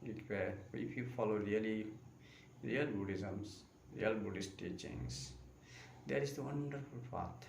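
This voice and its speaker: Buddhist monk man livestreaming a talk, low flat gravelly voice, echoey room w/ faint hiss. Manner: slow, repetitive phrasing in non-native English. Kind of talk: live-streamed Dharma talk.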